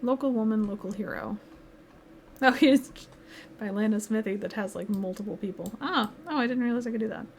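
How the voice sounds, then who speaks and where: A woman's voice: on the high side, a little fast, slight background noise. A woman streamer casually reading game text aloud and adding blunt, swearing asides. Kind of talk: casual livestream game commentary.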